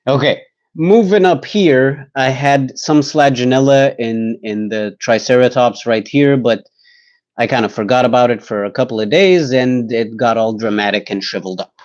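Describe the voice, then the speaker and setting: Slow, easygoing man on a dull recording. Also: medium pitch. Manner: easygoing, joking, slow and rambling. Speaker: host giving a live tour. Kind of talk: casual live-stream tour.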